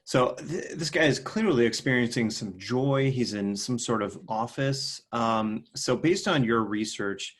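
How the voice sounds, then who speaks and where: A man in a comedy podcast sketch, slowly and tentatively offering an answer as if in a class. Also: medium pitch, expressive, fairly bright tone. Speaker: improv comedian, audience member in sketch.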